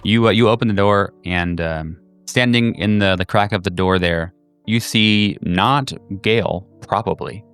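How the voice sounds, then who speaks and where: A man narrating a tabletop horror game as game master, halting with many fillers. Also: lowish voice, fairly bright tone, clear, resonant tone, soft background music.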